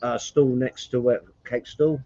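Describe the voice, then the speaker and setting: A man's voice: mid-range voice, fairly even intonation, measured pace, vocal fry, dark tone, a little hiss or hum. A man with a London-tinged southern English accent, co-hosting a live stream in casual chat at a farm brewery, swearing casually and laughing often. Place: outdoors at a farm brewery, cold and rainy. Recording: dull lo-fi sound.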